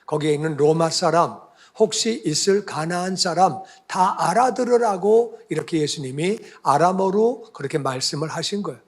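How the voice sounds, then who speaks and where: A man's voice: on the high side, moderate pace, husky. A male pastor giving a conversational sermon, often asking the congregation questions.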